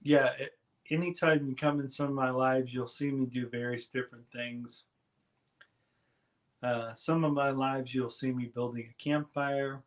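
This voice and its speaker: A man hosting a casual live stream, chatting in a relaxed, rambling way and reading viewers' comments aloud. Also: medium pitch, a little slow.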